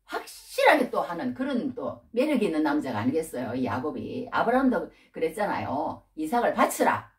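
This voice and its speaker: A woman preacher delivering a lively sermon, acting out scolding dialogue as she talks to her congregation. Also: fairly low pitch, distant mic. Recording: echoey room, voice from off the mic.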